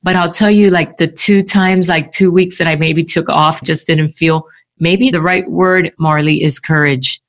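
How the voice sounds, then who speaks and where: A woman guesting on a podcast, talking in a warm, reflective and candid way in casual conversation. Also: fairly low pitch, fairly even intonation, unhurried.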